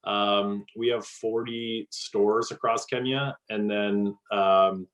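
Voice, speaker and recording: A man's voice: on the low side, fairly even intonation, slow, a bit bright, rough recording. A man answering interview questions about his company in a casual way, with many fillers and restarts. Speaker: guest, company co-founder.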